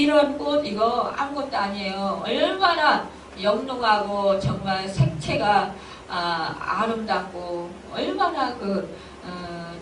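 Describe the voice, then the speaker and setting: A woman pastor with a mid-range, slightly bright voice gives an earnest, emotional Sunday sermon in a church hall, often voicing her own inner thoughts with rising exclamations. A distant mic captures the echoey church, along with slight background noise.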